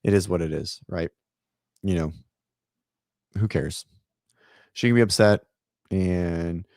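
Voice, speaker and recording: A man's voice: deep voice, darkish tone, dry recording, clean studio sound. A man hosting a fitness show, chatting loosely about competition results with lots of fillers and the odd swear word, over a call setup. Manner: loose, profane, filler-heavy commentary. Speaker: fitness podcast host. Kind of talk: casual chat. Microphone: remote call setup.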